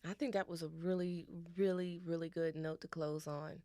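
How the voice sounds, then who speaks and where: A woman co-hosting a podcast, telling stories in an animated way and repeating her phrases in casual chat. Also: low voice, normal speed, dry recording, clean studio sound. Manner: animated storytelling, repeats phrases, spiritual talk. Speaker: podcast co-host.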